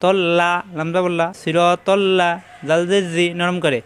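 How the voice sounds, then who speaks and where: A man leads a methodical pronunciation lesson and drills each sound again and again. His voice sits high and comes across smooth and resonant. Now and then he slips into a slow, chanted recitation. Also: level tone. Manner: methodical, repeats each syllable slowly. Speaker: Quran recitation teacher.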